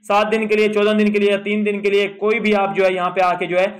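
Speaking fast in a high voice, a man narrates a voice-over for his YouTube tutorial, walking through an app on screen one step at a time. He explains in an even tone and slips the same filler into almost every phrase.

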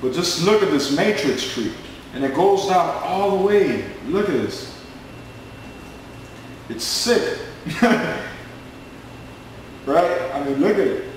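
A man in his twenties giving a screen-recorded sales pitch, pushy and boastful, repeating himself a lot. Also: expressive, takes it slowly, long pauses, reverberant, slight background noise, poor audio. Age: 20s. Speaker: network marketing recruiter.

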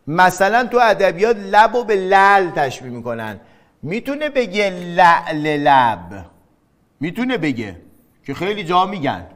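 A man teaching a lesson, asking and answering his own questions and drawing key terms out slowly, word by word. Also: high-pitched. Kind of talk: classroom lecture.

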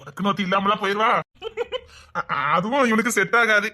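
A man's voice: high-pitched, fairly even intonation, brisk, pushed and bright. An actor with a Tirunelveli Tamil accent playing a young man who mockingly needles his heartbroken friend in a comedy sketch. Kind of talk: comic sketch banter.

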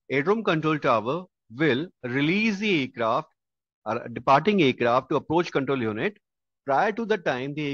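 A man with a fairly high voice narrates a slide-based aviation tutorial as the instructor, explaining step by step with hesitations and repeated restatements. It's a dull, lo-fi, dry voice-over with no room sound.

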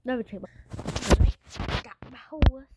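A woman's voice: sits high, measured pace, heavy background noise. A young woman acting out a silly solo comedy skit, now and then dropping into whispered asides. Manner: goofy, slips into whispered asides.

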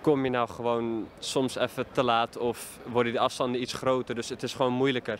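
A man's voice: mid-range voice, flat delivery, fairly quick. Hesitant young male footballer outdoors. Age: 20s. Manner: hesitant, many fillers. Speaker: football player. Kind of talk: post-match interview. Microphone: handheld reporter mic held up to him. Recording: faint outdoor noise.

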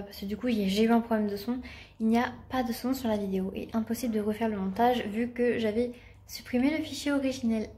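A woman's voice: fairly high pitch, mellow, echoey room, a little hiss or hum. A woman with a Normandy French accent chatting casually at home in a vlog, with many fillers and restarts. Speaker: vlogger.

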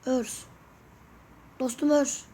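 A woman's voice: high-pitched, fairly even intonation, drawn-out words, dark tone, slight background noise. A woman YouTuber chatting casually through a gameplay tour, constantly addressing her viewers and asking them to comment. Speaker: gaming YouTuber.

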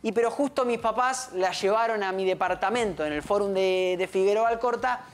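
A woman's voice: medium pitch, brisk. A woman with an Argentine accent, a crime reporter on a news panel, explaining the case point by point with emphasis. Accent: Argentine Spanish. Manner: explanatory, emphatic, often says "exactamente". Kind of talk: live news panel commentary.

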